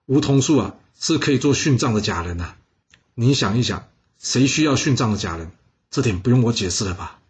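A man voicing a doomed male court fortune-teller who speaks low, hushed and resigned. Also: lively intonation, fairly quick, close to an everyday voice. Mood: solemn.

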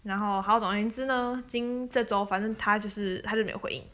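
Bright, chatty young woman. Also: mid-range voice, steady tone, a little fast. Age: 20s. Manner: chatty, laughs often, many fillers. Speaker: podcast host and tutor. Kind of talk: casual storytelling monologue.

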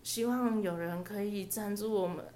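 A young woman telling a story on a podcast, lively and laughing often, on a headset mic. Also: medium pitch, moderate pace, noisy background. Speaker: podcast co-host. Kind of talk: casual chat, storytelling. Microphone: headset microphone.

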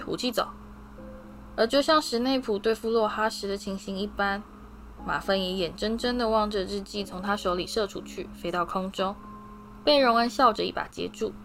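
A woman narrating a fantasy novel as an audiobook reader, in a steady, expressive reading voice. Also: medium pitch. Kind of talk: storybook narration.

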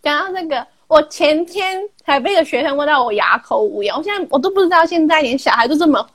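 A woman's voice: sits high, expressive, quick pace, fairly bright tone. A woman, an art teacher chatting casually, laughing often and drifting into side stories. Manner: giggly, rambling into digressions. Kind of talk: casual chat.

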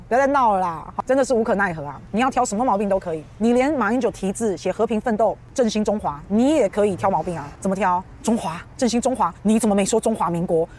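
A woman's voice: mid-range voice, slight background noise. A woman hosting a solo political commentary podcast, sarcastic and full of rhetorical questions.

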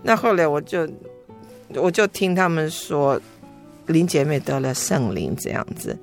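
A middle-aged woman earnestly telling her faith testimony as an interview guest, emotional and halting with frequent restarts. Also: low voice, big pitch swings, soft background music.

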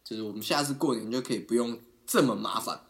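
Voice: medium pitch, quick pace. A podcast co-host, chatting casually in a playful, self-mocking way with frequent laughter. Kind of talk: casual chat.

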